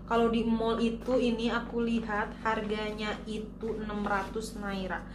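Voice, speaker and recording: A woman's voice: mid-range voice, monotone, a little slow, echoey room, background noise. A woman from Indonesia chatting casually in a vlog, showing things she bought to the camera. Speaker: vlogger.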